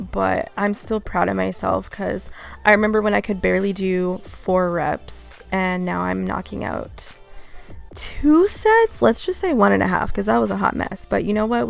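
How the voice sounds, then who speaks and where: A woman's voice: mid-range voice, vocal fry. A young woman chatting casually in a gym vlog, upbeat and talking straight to her viewers, a little out of breath after her workout. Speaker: fitness vlogger. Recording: faint music behind.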